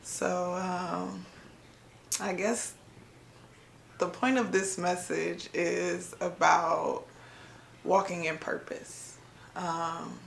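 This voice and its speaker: A woman from Ohio sharing a reflective faith talk on her vlog, speaking slowly and haltingly with many pauses and fillers, emotional and near tears. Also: on the low side, flat delivery, creaky, echoey room, a little hiss or hum. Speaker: vlogger.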